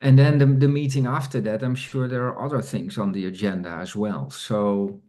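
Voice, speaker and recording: A man's voice: on the low side, fairly even intonation, normal speed, warm tone. A man hosting an online community meeting over a video call, speaking hesitantly with many fillers and restarts. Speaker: meeting host.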